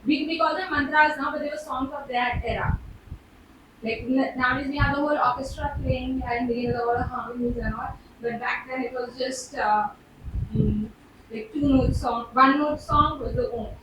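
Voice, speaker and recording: A woman with an Indian accent talking informally on stage at an open mic, nervous and hesitant, with halting false starts. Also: high voice, fairly even intonation. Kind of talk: informal rambling talk on stage. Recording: very echoey room, distant mic, background noise.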